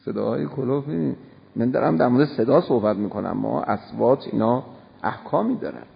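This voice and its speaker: A man preaching a sermon in an impassioned way, moving between soft passages and loud, emphatic bursts. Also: medium pitch, lively intonation, vocal fry. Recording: long hall reverb, dull lo-fi sound.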